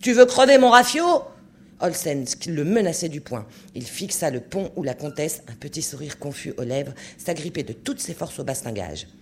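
A man narrating a story in an audiobook reading, expressive and steady. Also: on the high side, moderate pace, hardly any pauses.

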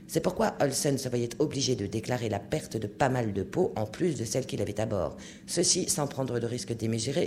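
A man narrating a story in an audiobook reading, expressive and steady. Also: medium pitch, a little hiss or hum.

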